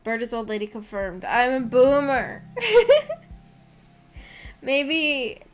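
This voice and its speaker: Over background music, a VTuber streamer and host chats casually with viewers, giggling, rambling and poking fun at herself. Her voice sits a little high and she speaks slowly.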